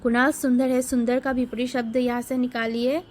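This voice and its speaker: A woman's voice: on the high side, little pitch movement, moderate pace, a little hiss or hum, low-quality recording. A woman teacher giving a lesson to young pupils, patiently repeating words and sounds for them. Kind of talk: online class lesson for children.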